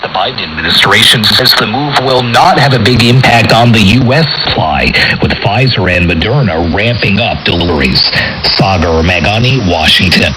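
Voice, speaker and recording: A man's voice: on the low side, normal speed. A man reading a scripted news report as a radio reporter. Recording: noisy radio broadcast capture.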